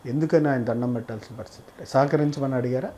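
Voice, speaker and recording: A man's voice: medium pitch, racing, mellow, slight background noise. A man interviewing, asking probing questions. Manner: probing, many short acknowledgements.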